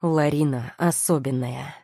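A passionate young lord speaking in hard, barely held fury, read by a woman for an audiobook. His lines come out firm and clipped in a low, dark voice. The recording is close and dry. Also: measured pace, dry recording. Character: angry, passionate young male lord in love. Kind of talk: audiobook character reading.

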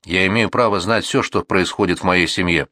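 A man's voice: sits low, a little fast, sharp tone, dry recording, studio quality. A man voicing a hot-tempered middle-aged father in an audiobook, brusque and blustering. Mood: angry. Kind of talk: audiobook reading.

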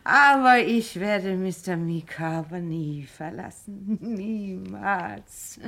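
Tipsy middle-aged wife, theatrical, slow, drawn-out, old radio play. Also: female voice, mid-range voice, gravelly, a bit bright, exaggerated voice. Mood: tearful, tipsy. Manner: theatrical, repeats herself, giggles and sobs. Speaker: Mrs Micawber. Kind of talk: 1950s radio play acting.

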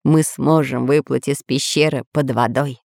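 A woman voicing an old male professor who explains things calmly and reassuringly. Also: rumbling low, a little slow, creaky, no room sound, studio quality, pitched below the performer's own voice, exaggerated voice. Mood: calm explaining. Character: calm, wise old male professor scientist.

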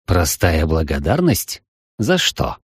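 A woman voicing a stern, imperious, suspicious male tycoon who speaks in slow, clipped, interrogating phrases. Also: very deep voice, very animated, slightly rough, dry recording, clean studio sound, voice pushed down, exaggerated voice. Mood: suspicious, cold.

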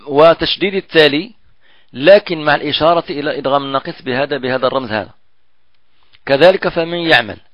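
A fairly high-voiced man teaches Quran recitation. He explains patiently and stretches out example words to demonstrate them. The recording is dull and lo-fi, with a dry sound. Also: dry recording. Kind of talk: recorded tajweed lesson.

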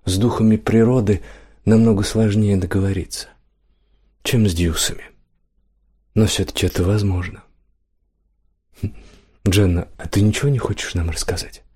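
A male audiobook reader voicing an aloof, enigmatic pale sinner-mage who talks low, quiet and measured. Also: steady tone, breathy edge. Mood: stern.

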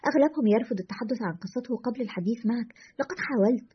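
An earnest, deferential young radio producer, voiced by a woman reading a story aloud. The lines come quickly in a slightly husky voice. The recording sounds dull and lo-fi. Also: on the high side, animated.

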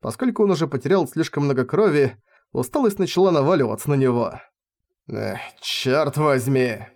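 A man reading an audiobook in steady scripted narration. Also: a little high, quick pace.

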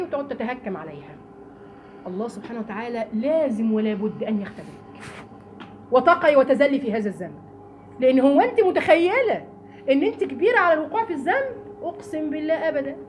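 Egyptian lady teaching a quran class to women, high voice, talks fast, acts out little scenes, noisy room. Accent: Egyptian Arabic. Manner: lively, animated storytelling with mocking impressions. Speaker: religious teacher. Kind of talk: Quran study lesson to women.

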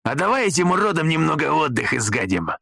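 A man voicing a cocky, brash young crewman with a raised, lively voice that jumps around in pitch. A gravelly texture runs under the cheek. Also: dry recording, clean studio sound, full character voice. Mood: scheming. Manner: brash, quick-tempered. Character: brash cocky young male team member.

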